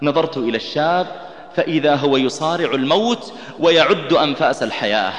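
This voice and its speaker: A man delivers an impassioned sermon in a somewhat high voice, his storytelling climbing tense and urgent at the dramatic peaks. He breaks into melodic chanted recitation of scripture. The sound carries the long reverb of a large hall. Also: lively intonation, a little fast. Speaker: preacher.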